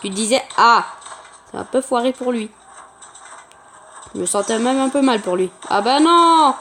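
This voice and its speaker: A woman giving chatty, excitable gameplay commentary for her channel, talking to viewers and taunting opponents. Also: fairly high pitch, normal speed, background noise.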